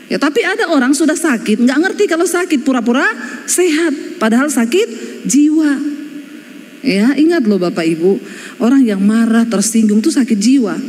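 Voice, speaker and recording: A woman's voice: high-pitched, moderate pace. Woman preaching in a reverberant hall. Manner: lively, emphatic preaching with folksy humor. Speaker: pastor. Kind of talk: sermon. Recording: long church hall reverb.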